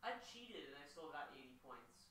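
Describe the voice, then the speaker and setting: A man's voice: a little high, big pitch swings, normal speed, bright, forceful tone. A man in the room chatting casually with a streamer, complaining about his own game, heard from far off with room echo and a faint hum. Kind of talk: casual chat. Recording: roomy, distant, faint background hum.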